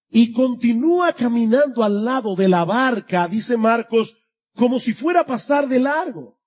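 A pastor preaches an expository sermon to his congregation in an extremely high-pitched, slightly mellow voice. He's earnest, his voice swelling and dropping for emphasis.

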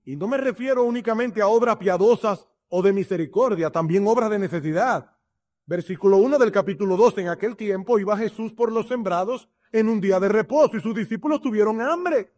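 A man's voice: high voice, fairly quick, darkish tone. A man preaching a sermon as a pastor, reading scripture and acting out short examples with shifting emphasis.

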